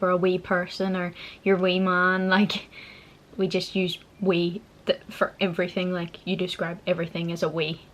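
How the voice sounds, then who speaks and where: A young woman with a Northern Irish Belfast accent, chatting informally and a little giggly as she explains local words. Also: fairly low pitch. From Northern Ireland. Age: young adult. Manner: giggly, informal, self-deprecating. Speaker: vlogger. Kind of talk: casual chat explaining local slang.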